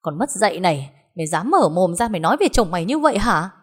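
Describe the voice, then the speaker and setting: A woman voicing a hot-tempered peasant woman, an older sister who shouts coarse threats. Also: on the low side, very animated, quick pace, slightly rough. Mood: enraged.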